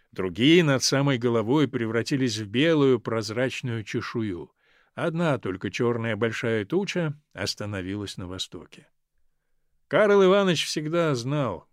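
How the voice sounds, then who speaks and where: A man reading a literary story aloud as an audiobook narrator, in an expressive storytelling manner. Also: medium pitch, dry recording, studio quality.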